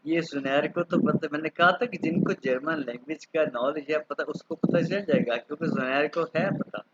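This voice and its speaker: A man in his thirties from Pakistan teaching an online German class, patiently repeating words slowly for pronunciation. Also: on the high side, dull audio, very noisy. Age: 30s.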